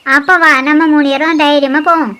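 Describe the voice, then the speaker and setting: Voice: high voice, little pitch movement, moderate pace, sharp tone. Someone voicing bold teasing village girlfriends. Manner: teasing, questioning.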